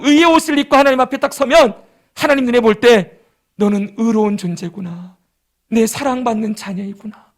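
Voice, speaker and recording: A man with a very high-pitched voice delivers a sermon from the pulpit. He presses his points with rhetorical questions and has the congregation repeat lines after him. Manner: emphatic preaching with rhetorical questions and call-and-response. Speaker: pastor.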